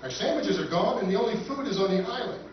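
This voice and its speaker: At a convention, a man performs a live recreation of 1950s radio science fiction, playing a brainy, skeptical spaceman who serves as the calm, analytical, reasoning sidekick. His high voice is animated, his manner measured and slightly pedantic. He's picked up from afar in a very echoey hall, sounding distant and muffled with background noise.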